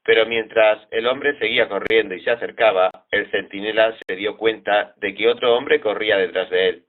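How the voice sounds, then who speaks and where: Man reading scripture, tinny sound. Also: fairly low pitch. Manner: steady, measured reading. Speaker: Bible reader.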